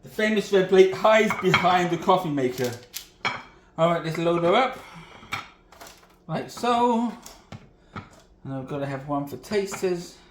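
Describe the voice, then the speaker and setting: A man's voice: sits high, expressive, measured pace, long pauses, a little hiss or hum. A man hosting a home cooking channel, chatting in a folksy, rambling way as he demonstrates a recipe in his kitchen. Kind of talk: casual cooking demo. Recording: echoey kitchen room.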